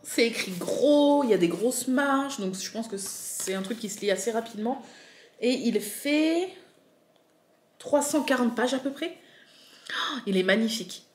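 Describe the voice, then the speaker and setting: A young woman from France chatting casually in a vlog, gushing and excitable, with lots of fillers. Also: fairly high pitch, a little slow, pauses often. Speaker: vlogger. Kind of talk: casual unboxing chat.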